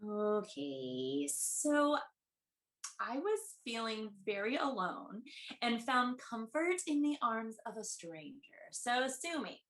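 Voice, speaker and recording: A woman's voice: on the high side, lively intonation, takes it slowly, gravelly, exaggerated voice. A woman playing a flippant, self-centred adventurer in improvised role-play, talking in a casual, defensive, exasperated way. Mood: defensive, sheepish.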